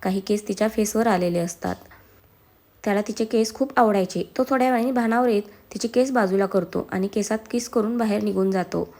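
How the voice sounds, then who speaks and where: A woman's voice: medium pitch, a little fast, a little mellow. A woman reading a family story aloud as storyteller, doing every character herself. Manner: reads all characters herself. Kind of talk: story narration.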